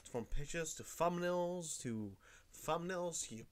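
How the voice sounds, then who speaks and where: A young Welsh YouTuber with a cold rambles through a casual tutorial vlog from his bedroom, repeating himself as he goes. His voice sits fairly high, with lively intonation and a measured pace.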